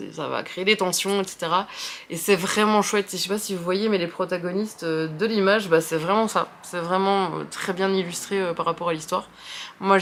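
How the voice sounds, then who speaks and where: A woman's voice: fairly low pitch, a bit bright. A young woman with a French accent chatting casually about books she likes, rambling with many fillers and restarts and poking fun at herself. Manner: self-deprecating, chatty. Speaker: book video host.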